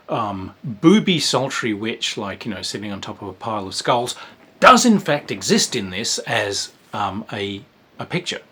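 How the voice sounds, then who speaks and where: A man with a fairly low, husky voice and a bright, forceful tone gives a casual spoken review of a tabletop game. He rambles and hesitates, with frequent fillers and dry asides.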